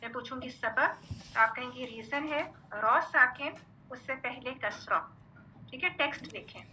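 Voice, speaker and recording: A woman teaching Quran recitation, patient and methodical, drilling letter sounds slowly and checking in with her class often. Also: sits high, pushed and bright, slight background noise, poor audio. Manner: patient, repeats "theek hai" often. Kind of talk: online tajweed lesson.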